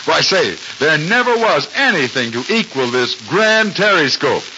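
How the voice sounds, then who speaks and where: A male radio announcer, heard on an old radio broadcast recording, eagerly pitching to children in 1940s style. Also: big pitch swings, normal speed, sharp tone, dull audio, slight background noise.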